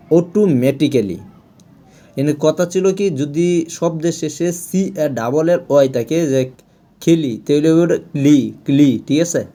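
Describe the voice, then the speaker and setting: A man's voice: fairly high pitch, warm tone. Man drilling English pronunciation. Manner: repeats words over and over, drilling pronunciation, with many "ah" fillers and restarts. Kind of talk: spoken language lesson.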